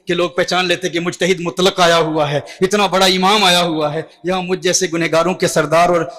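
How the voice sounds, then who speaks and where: High-voiced male preacher. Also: level tone, fairly bright tone. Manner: dramatic storytelling with emphatic repetition. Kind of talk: sermon.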